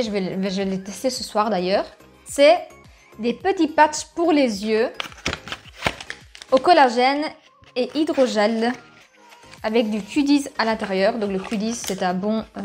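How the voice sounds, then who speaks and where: A woman from Italy with an Italian accent, chatting casually through a beauty unboxing and reading product descriptions aloud with enthusiasm. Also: on the high side. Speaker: beauty vlogger. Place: at home, filming on a phone.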